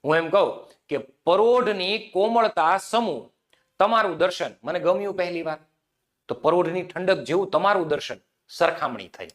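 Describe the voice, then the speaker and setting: High-voiced man teaching grammar. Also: expressive, moderate pace, fairly bright tone. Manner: repeats key points, asks and answers own questions. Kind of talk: exam-prep grammar lesson.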